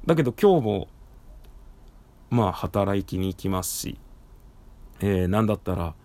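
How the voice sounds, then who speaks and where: A man hosts a casual solo talk in a slightly low voice. His throat sounds hoarse and tired. He speaks through a face mask, so the words come out a little muffled. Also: animated, a little slow, mellow. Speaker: podcast host and live streamer. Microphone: recorded through a face mask.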